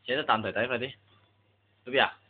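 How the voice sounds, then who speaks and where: A man's voice: medium pitch, steady tone, quick pace, noisy background. Man coaxing a toddler, tinny home video. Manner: coaxing, playful talk to a toddler. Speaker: family member filming at home. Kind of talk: casual home video chat. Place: family home indoors.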